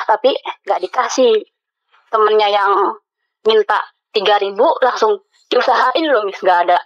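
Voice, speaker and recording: A woman's voice: medium pitch, dry recording. A woman calling in for advice, retelling her story in an emotional, rambling way with many fillers, close to tears. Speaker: caller. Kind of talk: phone-in advice chat. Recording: dull lo-fi phone audio.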